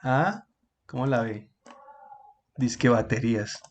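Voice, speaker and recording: A male teacher leads an online class in a voice that sits a little high for a man. He explains things patiently and stretches out key words so students can follow. He keeps turning to the students with questions. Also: a little slow, highs cut off.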